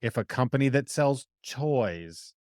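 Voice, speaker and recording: A man with a Boston accent chatting casually and explaining in a halting, informal way. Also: mid-range voice, animated, a little mellow, dry recording, clean studio sound. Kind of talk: casual chat about collectible toys.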